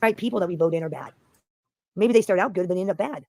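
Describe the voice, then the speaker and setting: A man's voice: high-pitched, fast, gravelly, a little mellow, dry recording. An American man hosting a livestream, rambling through a profane, opinionated political rant in casual chat. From United States. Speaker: livestream host.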